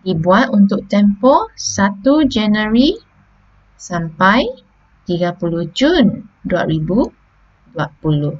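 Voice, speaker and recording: A woman's voice: medium pitch, animated, takes it slowly, pauses often, lo-fi sound. A Malaysian woman teacher taking students through a lesson step by step, often checking in with "okey" and "ha?". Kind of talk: classroom lesson on slides.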